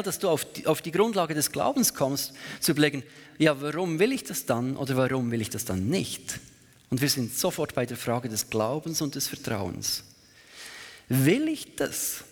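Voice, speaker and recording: A man with a fairly high voice delivers an earnest sermon, pressing his points with rhetorical questions. His words ring out with a long reverb, as in a large church hall. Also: a bit bright. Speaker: preacher.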